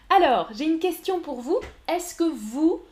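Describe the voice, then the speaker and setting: A woman teaching French on a live stream, speaking slowly and clearly, repeating words and answering viewers in the chat. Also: high-pitched, sing-song, dark tone. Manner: slow, clear teacherly delivery with repetitions. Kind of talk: live-stream language lesson.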